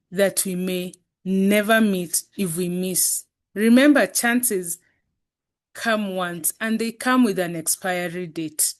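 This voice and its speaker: Woman, meeting host on a video call; unhurried, mid-pitched, preachy and reflective. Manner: earnest, exhortative, rhetorical questions.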